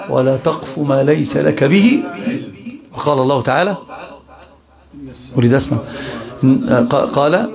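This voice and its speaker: A quick-talking man with an Egyptian Arabic accent, a sheikh giving a religious study lesson. His somewhat high voice has a gravelly edge, and he keeps firing rhetorical questions at his listeners. A crowd can be heard clearly in the live class recording. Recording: live class with audience noise.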